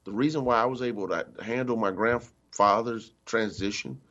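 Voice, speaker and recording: A middle-aged man with a very low voice delivers a spiritual teaching in a loose, conversational way, leaning hard on the points he wants to land. He slips into other people's voices when quoting them. The recording sounds a little dull, like a radio broadcast. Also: moderate pace, a bit bright. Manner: conversational, emphatic, acts out quoted voices. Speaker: minister.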